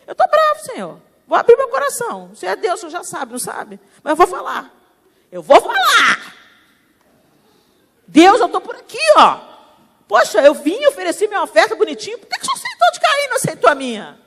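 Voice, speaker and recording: A woman's voice: on the high side, moderate pace, natural voice. A woman preacher voicing a resentful young man who complains and pleads with exasperated outbursts, heard in a church hall with long reverb. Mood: aggrieved.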